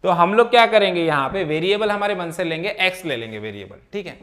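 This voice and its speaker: A man's voice: sits high, expressive, quick pace, fairly bright tone. A man teaching a math lesson, talking students through each step and often checking whether they follow. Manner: keeps asking checking questions. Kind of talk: classroom lesson explanation.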